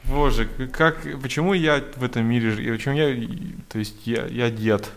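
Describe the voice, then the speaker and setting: A man's voice: mid-range voice, moderate pace, a little hiss or hum. Joking man in his thirties. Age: 30s. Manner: self-mocking, jokey, trailing off quietly. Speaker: podcast co-host. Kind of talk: casual podcast chat.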